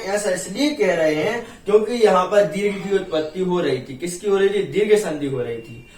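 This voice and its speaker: A man with a fairly high voice gives a grammar lesson, asking questions and answering them himself. He chants rules slowly. He sounds echoey and set back from the mic. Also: darkish tone, distant mic. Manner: asks and answers his own questions. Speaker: Sanskrit grammar teacher. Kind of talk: classroom lecture.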